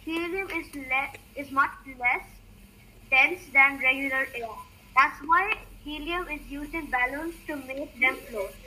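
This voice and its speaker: A woman with a high, bright voice hosts an educational science series for children. She reads scripted explanations aloud with care, setting out each point as a lesson. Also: measured pace, a little hiss or hum, rough recording.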